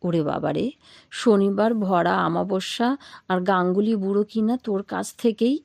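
A woman's voice: measured pace, vocal fry, a little mellow, dry recording. A woman voicing a fretful elderly mother in a spoken ghost story, crying out shrilly in alarm. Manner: wailing, distressed, shrill.

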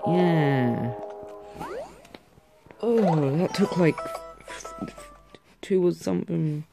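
A woman's voice: low-pitched, expressive, very slow, gravelly. A woman casually commenting on a video game as she plays and reading its text aloud. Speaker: game player. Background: game music.

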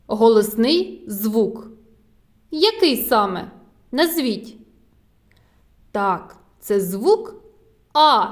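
Woman teacher, fairly high voice, very slow unhurried pace, sing-song, drawn-out sounds, coaxing questions for small children. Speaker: preschool teacher.

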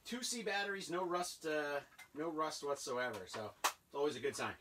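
A man in his thirties chatting casually and rambling with excitement as he unboxes old toys in a cluttered basement room. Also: on the high side, moderate pace, distant mic, noisy background. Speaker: toy collector vlogger. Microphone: camera a few feet away.

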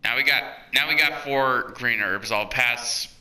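A man's voice: mid-range voice, a little slow, sharp tone, rough recording. A young man giving casual, joking commentary while playing a co-op video game. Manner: joking, playful.

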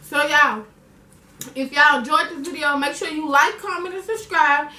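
High, bright-voiced boastful young woman. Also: moderate pace. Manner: boastful, teasing. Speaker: hot wing challenge contestant. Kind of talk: casual chat while eating. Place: indoor room, seated at a table. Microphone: camera a few feet away. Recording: echoey room, distant mic, faint noise.

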